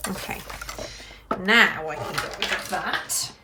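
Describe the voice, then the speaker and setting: A woman's voice: on the low side, takes it slowly, noisy background. A middle-aged woman with a Suffolk accent, giving a casual craft demonstration and half murmuring to herself as she works. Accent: Suffolk English. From Suffolk, England. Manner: informal, murmuring to self while working. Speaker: craft tutorial host. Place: indoor craft desk.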